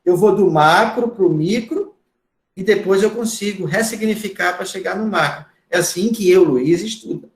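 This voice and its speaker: A man giving a lecture to a class, talking loudly and repeating words for emphasis. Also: high-pitched, moderate pace, echoey room. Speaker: course instructor.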